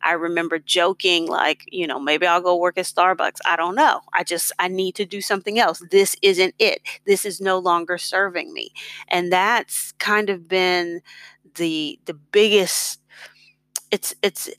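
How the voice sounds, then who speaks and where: A middle-aged woman from the United States, a blogger on expat life and personal finance, tells her own story casually and reflectively, like a conversation. Her voice is fairly low and bit bright, with fairly even intonation and an unhurried pace, in a dry recording.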